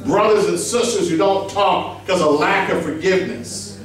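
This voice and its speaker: Recorded from afar in an echoey little church, a middle-aged pastor delivers his sermon into a handheld microphone. His high-pitched voice moves at normal speed as he preaches emphatically and conversationally, questioning the congregation.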